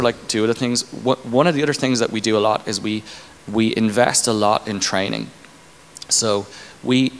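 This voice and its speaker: A tech company engineering leader, low-voiced and a bit bright, answers interview questions in a conference Q&A, explaining informally. He's on an indoor conference stage using a handheld microphone, and the hall is echoey with clear background room noise.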